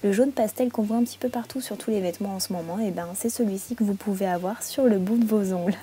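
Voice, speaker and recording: A woman vlogger chatting casually in her bedroom while reviewing products, relaxed and chatty with frequent hesitations. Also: medium pitch, fast, a little hiss or hum. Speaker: beauty vlogger.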